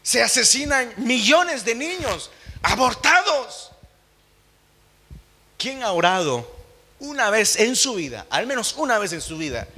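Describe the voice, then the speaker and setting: A young man from Latin America preaching a sermon in church, swinging from emphatic peaks down to low, intimate asides. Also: pushed and bright. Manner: impassioned, rising to emphatic peaks then dropping low and intimate.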